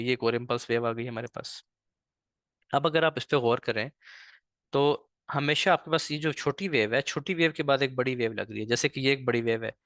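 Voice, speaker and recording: A man's voice: medium pitch, a bit bright, no room sound, clean studio sound. Patient man teaching an online trading class. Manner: patient, repeats "ठीक है" often; speaks slowly on purpose.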